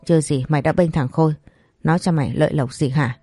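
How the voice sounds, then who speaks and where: A woman's voice: fast talker, dark tone, no room sound, soft background music. A woman voicing a furious, hysterical rich middle-aged mother who scolds and curses. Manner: shrill scolding, cursing.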